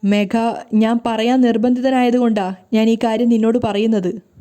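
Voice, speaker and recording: A woman voicing a sorrowful middle-aged father who talks slowly, solemnly and carefully. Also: on the high side, fairly even intonation, dark tone, close to an everyday voice.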